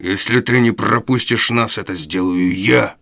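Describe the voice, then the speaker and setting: A man's voice: on the low side, moderate pace, pushed and bright, no room sound, studio quality. A man voicing a brutal male burglar who growls threats. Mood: threatening. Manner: gruff, threatening.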